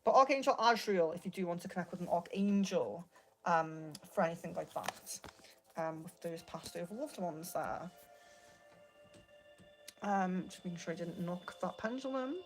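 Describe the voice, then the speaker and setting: A woman hosting a casual live card reading, speaking in a gently reassuring, meandering and hesitant way. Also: lowish voice, normal speed, faint music behind, poor audio. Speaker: tarot and oracle card reader, live host.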